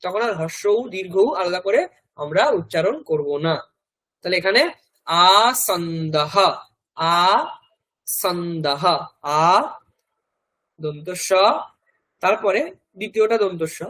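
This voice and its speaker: A man's voice: high voice, normal speed, long pauses, fairly bright tone, poor audio. A man with a West Bengal Bengali accent teaching a Sanskrit class. He spells each word out letter by letter and repeats it several times. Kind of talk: classroom language lesson.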